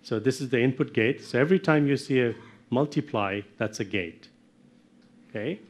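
A middle-aged man giving a technical lecture from slides, often checking in with "okay?" and clearing his throat. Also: medium pitch, moderate pace. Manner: explanatory, checks in with frequent "okay?". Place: darkened lecture room with projector screen.

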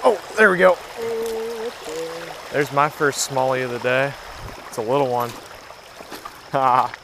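A teenage boy vlogging a fishing trip by a creek, chatty and excited, filmed on an action camera outdoors. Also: mid-range voice, measured pace, background noise. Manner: excited, chatty, says dude a lot. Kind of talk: casual outdoor vlog narration.

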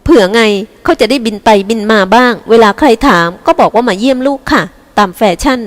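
A woman's voice: fairly high pitch, a little fast, voice pushed up, close to an everyday voice. A woman reading an audiobook, voicing a brash, defiant young woman who talks bluntly and scornfully. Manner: blunt, scornful and self-assured. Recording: long reverb.

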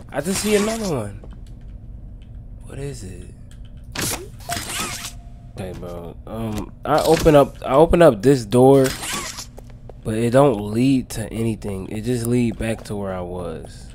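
A young man, a scared horror game streamer, giving casual, slangy, profane commentary as he plays. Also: medium pitch. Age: young adult. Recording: clear game ambience noise behind.

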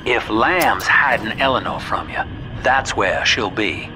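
An actor playing a shrewd, smooth-talking businessman guide in a video game, folksy and confiding. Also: fairly low pitch, lively intonation, unhurried, noisy background. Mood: helpful, knowing. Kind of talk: scripted video game voice acting.

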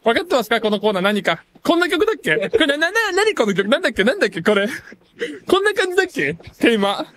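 A man with a high, very animated voice hosts late-night radio from a studio microphone, joking and teasing himself as he reads listener messages. His banter swings up into sudden high jumps, and a faint hiss sits under the recording. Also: racing, hardly any pauses. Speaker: radio host.

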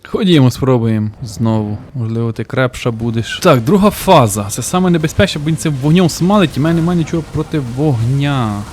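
A man giving playful let's play commentary as a gaming YouTuber, often breaking into excited yelling. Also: medium pitch, brisk, few pauses, a little hiss or hum.

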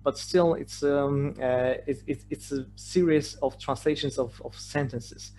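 A conference presenter from Poland, a native Polish speaker with a Polish accent, gives a halting lecture in a mid-pitched, steady, dark-toned male voice. He sounds hesitant, repeating words and stumbling over the starts of phrases. The remote online presentation uses a shared screen, and the recording is slightly noisy with a hum.

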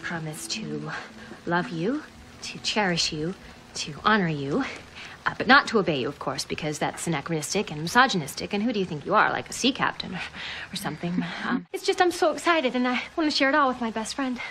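An actress playing a blunt, excitable, easily exasperated bride-to-be with an American accent in a television drama-comedy. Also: female voice, mid-range voice, brisk, a little hiss or hum, low-quality recording. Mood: gushing.

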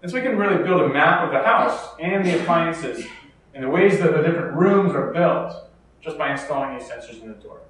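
A man's voice: fairly high pitch, brisk, slight background noise. Man lecturing in an echoey hall. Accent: American. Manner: explanatory, steady, with occasional fillers and restarts. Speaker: keynote speaker. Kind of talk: conference keynote lecture. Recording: echoey hall, distant mic.

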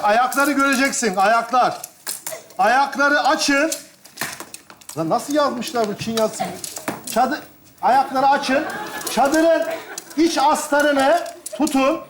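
A man playing an exasperated, impatient camper in a stage comedy sketch, with loud, cursing outbursts. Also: very high-pitched, background noise. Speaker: comic actor in a sketch. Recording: roomy stage with loud audience laughter.

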